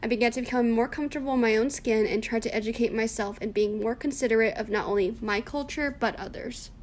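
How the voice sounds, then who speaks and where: Her voice sits fairly high yet has a darkish tone, steady and fast. She's in her early twenties, a native Cantonese speaker raised in the U.S., reading prepared answers earnestly and reflectively for a class project interview in a scripted manner.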